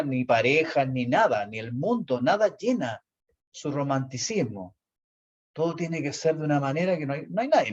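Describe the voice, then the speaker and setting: A male teacher with a Chilean Spanish accent lectures on personality types, rambling as he repeats and restarts phrases. His voice sits in the mid range with a slightly mellow quality, and the lo-fi recording sounds dull.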